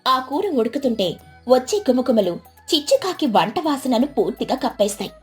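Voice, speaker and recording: High-pitched woman narrating a cartoon story. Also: moderate pace, soft background music. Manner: expressive, lively storytelling. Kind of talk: scripted narration.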